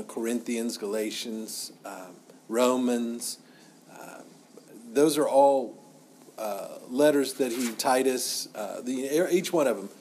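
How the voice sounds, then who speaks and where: A middle-aged man teaching as a pastor in an informal, halting, conversational way, often repeating himself. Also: medium pitch, darkish tone, a little hiss or hum.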